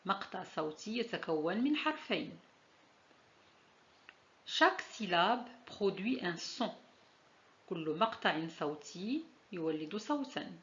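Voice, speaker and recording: A woman teaching a French lesson, saying each example slowly and deliberately. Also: on the low side, sing-song, fairly bright tone, dull audio. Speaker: language teacher.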